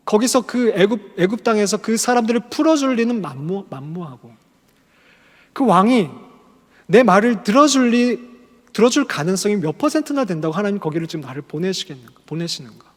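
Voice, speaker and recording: A man's voice: sits high, lively intonation, fairly quick. Earnest male pastor preaching in a hall. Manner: earnest, with frequent rhetorical questions to the congregation. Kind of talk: sermon. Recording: long hall reverb.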